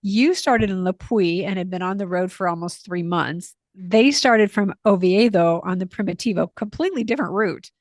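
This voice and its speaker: A woman's voice: mid-range voice, normal speed, hardly any pauses, darkish tone, dry recording, studio quality. A woman hosting a podcast interview who recaps and clarifies her guest's story. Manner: brief affirmations, recaps the story. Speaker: podcast host.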